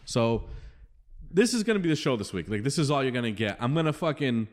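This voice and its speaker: A man's voice: medium pitch, sing-song, brisk. A man hosting a podcast alone, venting in an angry, profane rant and repeating himself. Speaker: podcast host. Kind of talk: solo rant. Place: home studio room.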